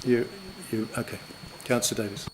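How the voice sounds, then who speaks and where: A man chairs a council committee, briskly calling speakers by name and putting the question to a vote. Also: medium pitch, little pitch movement, background noise. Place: council meeting room.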